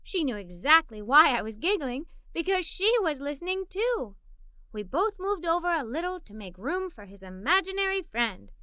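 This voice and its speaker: Here a woman with a high voice reads a children's story at a normal speed, with no echo present. Voicing a curious young girl in the first person, the storybook reader stays animated and expressive, breaking into giggles.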